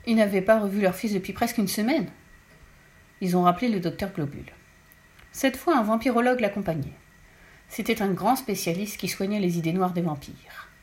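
A woman's voice: mid-range voice, a little fast. Woman reading a children's storybook aloud. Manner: lively, expressive. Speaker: narrator.

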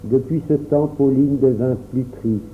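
This is a calm, measured first-person storybook reading by a man whose voice sits at medium pitch. Faint noise and a thin, phone-like quality mark the audio.

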